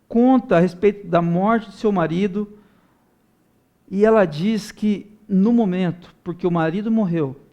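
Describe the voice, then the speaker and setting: A man preaching an earnest sermon to viewers watching online, his voice swelling loud as he voices pleas to God. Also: high-pitched, a little slow, lo-fi sound. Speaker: pastor.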